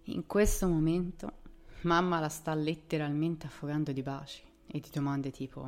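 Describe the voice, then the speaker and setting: A woman with a very low voice narrates a first-person horror story. She tells it in a relaxed, conversational and wry way. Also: moderate pace.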